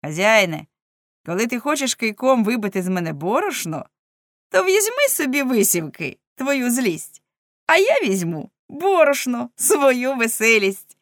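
A woman voicing a cheeky young male prankster who talks high, quick and mocking. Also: big pitch swings, dry recording, clean studio sound.

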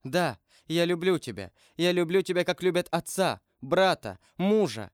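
A woman's voice: on the low side, expressive, normal speed, no room sound, studio quality, voice pushed up, lightly acted. A man reading an audiobook aloud and voicing a passionate, devoted young woman who speaks with fervent emotion. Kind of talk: audiobook character voice.

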